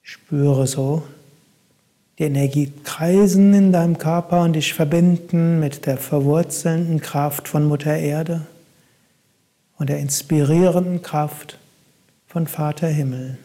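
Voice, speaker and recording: Calm guy leading a meditation, slightly high voice, soft and unhurried. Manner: slow, calm, soft-spoken guidance with pauses. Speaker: meditation guide. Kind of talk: guided meditation instruction.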